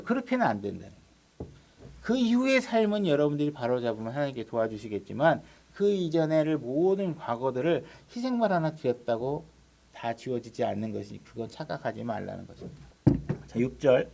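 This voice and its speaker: High, gravelly-voiced Korean pastor preaching. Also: male voice, a little mellow. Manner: acts out prayers and God's replies in a casual voice; emphatic, with repeated questions. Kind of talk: sermon.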